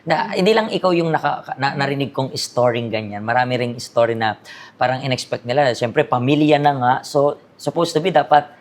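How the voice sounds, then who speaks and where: A woman's voice: rumbling low, normal speed. A woman pastor interviewing a guest, mixing English into her questions, restating the answers and often saying "parang". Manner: mixes English into questions, many "parang" fillers, rephrases the guest's answers back. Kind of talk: church interview.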